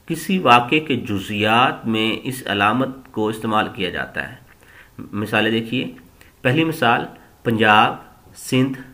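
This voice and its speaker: Slow, bright-voiced Pakistani Urdu teacher. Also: male voice, mid-range voice. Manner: slow, measured explaining with pauses. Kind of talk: recorded lesson.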